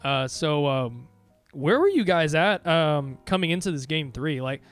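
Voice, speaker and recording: A man's voice: fairly high pitch, very animated, measured pace, soft background music. A man casting a live esports match and then interviewing the winning team, upbeat with casual fillers. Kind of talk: live esports play-by-play commentary.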